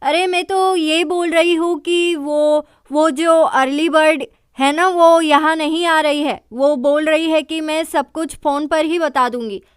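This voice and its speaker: A woman's voice: high-pitched, steady tone, measured pace, hardly any pauses, no room sound, clean studio sound. A woman voicing a flustered, evasive young woman in a drama recap.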